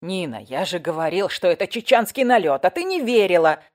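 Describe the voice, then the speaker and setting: A woman voicing a friendly but slow-witted older man, bewildered and fretful. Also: lowish voice, sing-song, a little mellow. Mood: baffled.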